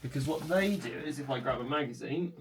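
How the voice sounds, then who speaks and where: A man presenting a casual hands-on tutorial in an informal, tentative, explanatory way, with a chair creaking. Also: mid-range voice, fairly quick, slight background noise, low-quality recording. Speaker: video presenter.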